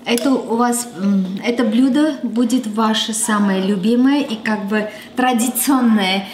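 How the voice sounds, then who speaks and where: A woman's voice: on the high side, a little slow, darkish tone. Chatty Armenian-accented woman cooking at home. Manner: chatty, thinks aloud with many fillers and restarts. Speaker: cooking show host. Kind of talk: casual cooking demonstration. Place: large home kitchen. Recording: echoey kitchen with background music.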